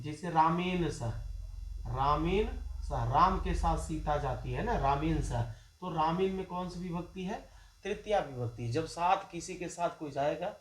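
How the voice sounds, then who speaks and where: A male Sanskrit teacher with a Bihari Hindi accent, giving a grammar lesson. He asks questions and answers them himself, and he repeats key terms. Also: a little high. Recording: echoey classroom.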